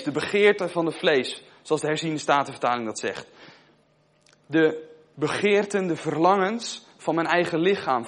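A man's voice: a little high, a bit bright. A young man giving a sermon in a conversational way, asking his listeners questions and telling a personal story. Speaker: preacher.

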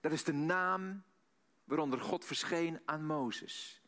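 A man preaching a sermon, swinging between hushed, near-whispered passages and emphatic lines, repeating phrases for emphasis. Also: fairly high pitch, slow.

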